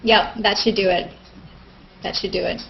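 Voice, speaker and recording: A woman with a medium-pitched, steady voice and some vocal fry speaks at a moderate pace while hosting a live online hangout over a web video call. She's playful and quick to laugh, and the web call audio sounds dull and noisy.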